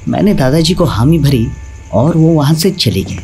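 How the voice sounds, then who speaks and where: A man narrating a scripted horror story in a dramatic, animated storytelling manner. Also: a little high, moderate pace, slight background noise. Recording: faint background music.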